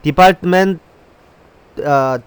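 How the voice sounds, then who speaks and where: A man teaching a language lesson, drilling short phrases slowly and repeating them. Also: sits high, clear, resonant tone. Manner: slow drilled repetition of phrases.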